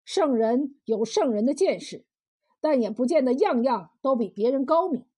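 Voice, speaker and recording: A woman voicing a blunt, wise old male fisherman in a told folk tale, drawing out his words in a slow folksy way. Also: high voice, animated, dark tone, breathy edge. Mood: chiding. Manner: slow, drawn-out folksy speech. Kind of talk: storytelling role voice.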